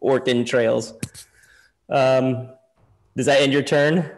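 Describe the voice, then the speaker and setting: A man's voice: medium pitch, fairly even intonation, slow pace. A man running a tabletop game as game master, narrating in a loose, hedging way and laughing often.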